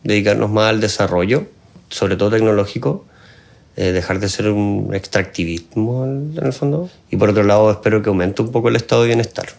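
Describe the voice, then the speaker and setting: A man in an interview stating his hopes in a measured way. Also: fairly low pitch, creaky, darkish tone. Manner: measured, hopeful.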